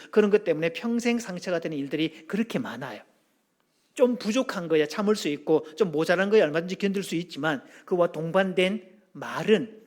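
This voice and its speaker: A pastor preaches in a high, bright-pitched voice. He keeps the sermon lively and humorous, and he throws questions out to the congregation as he goes. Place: church sanctuary.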